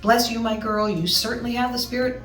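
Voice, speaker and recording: A sly old trickster coyote from a storybook, acted out by a woman, boastful and scheming. The delivery is theatrical and chanting, swinging upward in pitch. It sounds roomy and a little far from the mic, with music behind. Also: fairly even intonation, a little fast, a bit bright, lightly acted. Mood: falsely jolly. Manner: theatrical, chanting spells and hearty ho-ho-hos.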